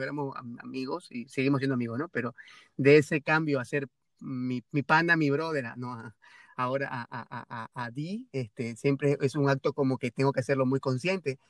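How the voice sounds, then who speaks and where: With a medium pitch, fairly even intonation and normal speed, this Guayaquil-accented Ecuadorian man hosts a podcast, recorded without room sound. He chats casually but hesitantly, leaning on fillers, restarting often and adding tag questions.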